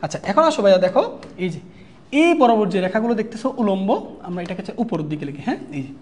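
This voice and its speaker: A woman's voice: mid-range voice, very animated, darkish tone. A woman with a Bangladeshi Bengali accent teaching an online math lecture. She asks the students questions, answers them herself, and keeps checking that they follow. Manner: dictates notes slowly and repeats key terms.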